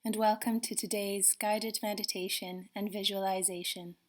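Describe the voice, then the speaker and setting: Leading a guided meditation, a woman speaks soothingly and gently in unhurried phrases with pauses. Her voice is mid-range with a level tone.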